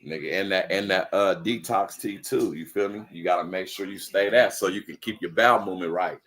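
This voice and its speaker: A man's voice: deep voice, a little fast, a bit bright. A man in his forties chatting casually on a live stream, telling stories in a laid-back, slangy way. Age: 40s.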